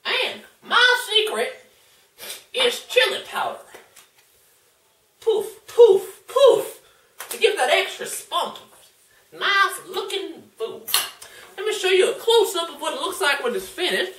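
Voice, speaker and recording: A very high, squeaky cooking-show host played by a young man who slides all over his register and takes his time over every word. He hams it up with a folksy drawl, calling out to the folks at home. The sound is a roomy home kitchen picked up by a camera across the room, with a bit of clatter behind. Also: big pitch swings, slow pace, long pauses, bright, forceful tone, full character voice. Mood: hammy. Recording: echoey kitchen, far camera mic, faint noise.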